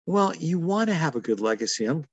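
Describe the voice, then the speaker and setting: Gravelly older man in his seventies. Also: a little high, sing-song, brisk, no room sound, lo-fi sound. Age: 70s. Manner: thoughtful, wry, chuckles between stories. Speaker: interviewee. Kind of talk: reflective conversational storytelling.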